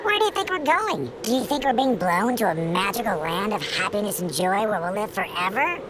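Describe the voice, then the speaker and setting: A woman voicing a small, cocky cartoon germ with a cute, squeaky voice and gleeful menace. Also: big pitch swings, a little fast, very noisy, close to an everyday voice. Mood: sarcastic. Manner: cocky, taunting. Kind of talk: educational cartoon character acting. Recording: loud music underneath.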